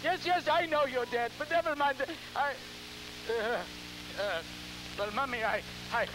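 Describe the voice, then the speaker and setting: High-voiced, slow, ghoulish horror host. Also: male voice. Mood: scheming, nervous. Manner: slow, halting, repeats words, cackling theatrical delivery. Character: ghoulish male horror host, scheming, theatrical talent agent. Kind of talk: campy TV horror host monologue. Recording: noisy, humming vintage television recording.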